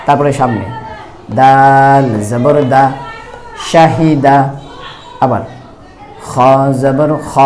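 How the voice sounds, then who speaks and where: A man teaching Quran reading with a Bangladeshi Bengali accent, spelling out Arabic letters one by one in a slow, patient, repetitive way. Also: medium pitch, a little mellow, a little hiss or hum. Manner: patient, spells letters slowly and repeats them. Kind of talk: slow step-by-step recitation lesson.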